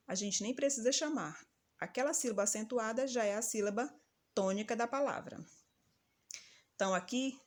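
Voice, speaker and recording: A woman teacher giving a patient, didactic lesson and calling out example words slowly and loudly. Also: medium pitch. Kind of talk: recorded grammar lesson for children.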